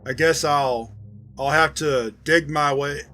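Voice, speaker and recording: A man's voice: on the high side, steady tone, slow pace, pushed and bright, soft background music. A man voicing a coarse, swearing male security agent in a dramatized audio log. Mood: gruff.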